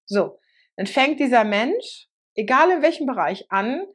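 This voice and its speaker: A woman giving a lively, colloquial motivational talk as a coach, often repeating words for emphasis. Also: high-pitched, a little slow, husky. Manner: lively, acts out quoted voices.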